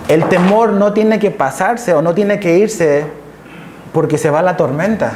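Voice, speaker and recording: A man's voice: high-pitched, measured pace, a little mellow, slight background noise. A male pastor preaching an emphatic sermon to a live congregation, repeating key phrases and checking in with his listeners. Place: church hall, live service. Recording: echoey church hall with faint ambience.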